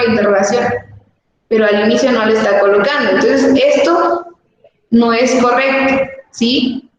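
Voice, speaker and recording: A woman teacher giving a classroom lesson from a textbook, explaining patiently and asking rhetorical questions. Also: sits high. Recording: echoey room with long reverb and faint noise.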